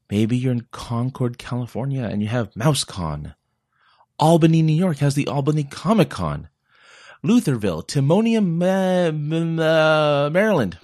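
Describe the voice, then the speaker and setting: A man's voice: lowish voice, a little mellow, no room sound, clean studio sound. A young man hosting a podcast, reading out a list of upcoming events in a chatty, joking way and tripping over place names now and then. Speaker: podcast host.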